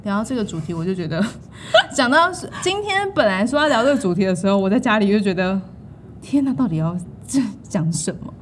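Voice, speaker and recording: A woman with a medium-pitched voice leads a casual, playful chat as host. Clear background noise sits behind her in the room recording. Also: sing-song, fairly quick. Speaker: host of a talk show.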